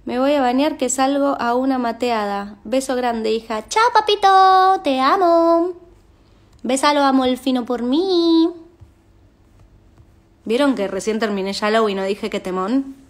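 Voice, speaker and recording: Young argentine woman, high voice, chatty phone livestream, reads fan msgs out loud. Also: expressive. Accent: Argentine Spanish. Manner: chatty, reads fan messages aloud, quick asides. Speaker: singer hosting a livestream. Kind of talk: casual livestream chat.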